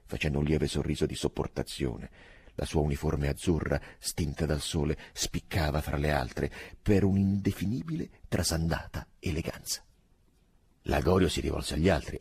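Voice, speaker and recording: Male audiobook narrator, low and husky, expressive. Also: no room sound. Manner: measured, expressive storytelling. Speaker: audiobook reader.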